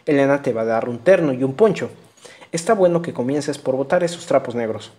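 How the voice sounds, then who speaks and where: A middle-aged rural landowner, as a male narrator plays him talks half folksy and half stern, gruff but kind at heart. The voice is dark and warm and sits near the reader's own. It is an audiobook figure. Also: mid-range voice, expressive, brisk, natural voice. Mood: deliberating.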